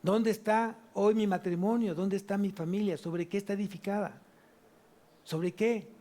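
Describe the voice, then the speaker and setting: A man with a Mexican Spanish accent preaching a sermon at a church service, asking the congregation question after question and drawing out key words slowly. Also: high-pitched, steady tone, mellow. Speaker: pastor.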